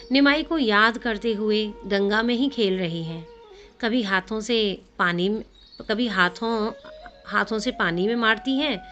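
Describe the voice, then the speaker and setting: A woman storyteller narrating a devotional tale in a gentle, expressive way. The recording sounds slightly dull, with faint music behind. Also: on the high side.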